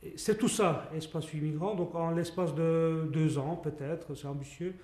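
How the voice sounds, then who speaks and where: Man, project spokesman, fairly high but mellow voice, echoey room. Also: steady tone. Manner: measured, poses rhetorical questions. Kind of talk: explaining a project in an interview.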